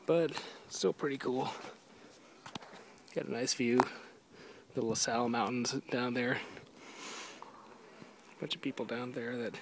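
A man's voice: mid-range voice, fairly even intonation, takes it slowly, long pauses, noisy background. A young man casually vlogging a hike into a handheld camera, joking and offhand. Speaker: vlogger filming a hiking trip. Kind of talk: casual vlog narration. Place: outdoors at a busy scenic lookout. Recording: busy crowded outdoor spot.

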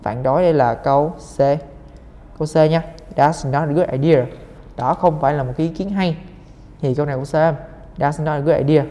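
A man's voice: fairly high pitch, brisk, dark tone, big-room sound. A young man teaching English, patiently going through exam answers step by step and speaking directly to his students. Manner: patient, step-by-step explaining, addressing students as "mấy em".

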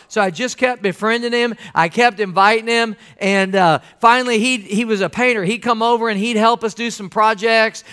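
A man preaching a sermon as pastor, animated, acting out quotes and dropping folksy asides to the church. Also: high-pitched, clean tone.

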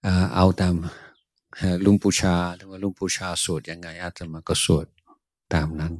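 A Buddhist monk answering questions in a Dhamma talk, thoughtful and unhurried, pausing often with drawn-out "ah" sounds. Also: male voice, deep voice, little pitch movement, dry recording. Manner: slow, thoughtful, many drawn-out "ah" pauses.

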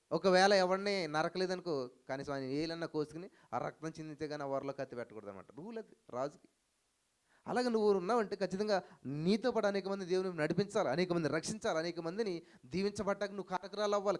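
A male pastor preaching a sermon to a live congregation, with rhetorical questions and loud hallelujah cries. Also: a little high. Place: church hall with live audience.

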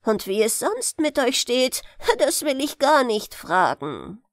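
A woman's voice: sits high, big pitch swings, slow, dry recording, studio quality, exaggerated voice. A woman reading a sad, dying little male beetle who was once a star, in a lamenting, pleading tone. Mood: mournful.

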